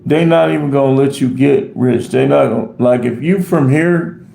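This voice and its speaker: A man's voice: mid-range voice, moderate pace, gravelly, warm tone, echoey room. An American man hosting a live stream, rambling casually as he answers viewer comments off the cuff. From United States. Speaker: livestream host reading chat.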